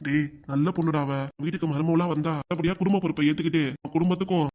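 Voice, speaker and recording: A meek middle-aged cartoon father, put on by a woman, speaks in a deep, mild, placating voice with a southern Tamil Nadu accent. He talks fast and sounds set back from the mic. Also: steady tone, dark tone, lightly acted. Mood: pleading. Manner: mild, placating, gives in quickly. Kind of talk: cartoon voice acting.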